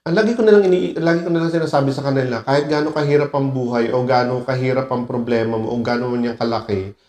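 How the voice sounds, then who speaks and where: Hosting a reaction video, a man gives casual commentary, speaking emotionally, slipping in English phrases and laughing often. He talks fast at a medium pitch with fairly even intonation, a slightly mellow tone and a roomy sound.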